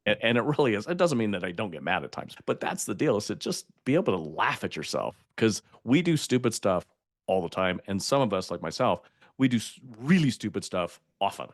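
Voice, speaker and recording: A man's voice: on the low side, sing-song, a little fast, no room sound, clean studio sound. An older man speaking as a podcast guest, telling stories in an emphatic way and laughing at himself. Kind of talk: conversational interview.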